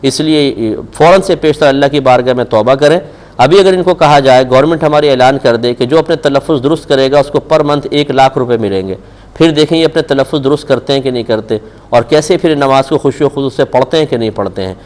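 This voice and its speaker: This man, whose accent is Pakistani Urdu, handles religious questions on a live television show with firm admonishment and rhetorical questions. He has a slightly mellow, mid-range voice.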